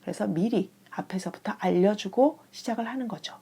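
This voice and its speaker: Gravelly, mellow-voiced woman teaching Spanish. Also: mid-range voice, fairly quick. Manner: calm, clear explanatory delivery. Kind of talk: scripted online language lesson.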